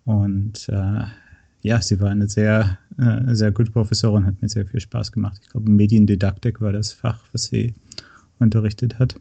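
Low, creaky man, American-tinged German. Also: flat delivery, warm tone, dry recording. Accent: slight American accent in German. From North Rhine-Westphalia, Germany. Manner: hesitant, halting delivery with frequent pauses. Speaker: podcast guest. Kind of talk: casual interview, recounting.

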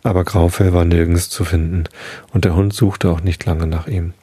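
A man reading a storybook aloud slowly, sometimes correcting himself mid-sentence. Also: deep voice, level tone, dark tone, husky, no room sound. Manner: slow, unhurried reading with occasional self-corrections. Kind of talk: reading a children's classic aloud.

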